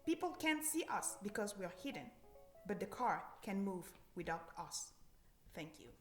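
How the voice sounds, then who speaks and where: A woman's voice: mid-range voice, big pitch swings, moderate pace. A woman in her thirties from Cameroon, a civil engineer giving an earnest, encouraging scripted career talk to students. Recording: echoey room, faint music behind.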